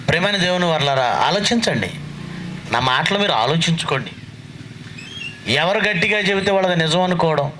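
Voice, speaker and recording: Bright-voiced preacher scolding his congregation. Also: a little high, slight background noise, low-quality recording. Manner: rhetorical questions, scolding the congregation; reads scripture slowly and deliberately. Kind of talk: sermon. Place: church.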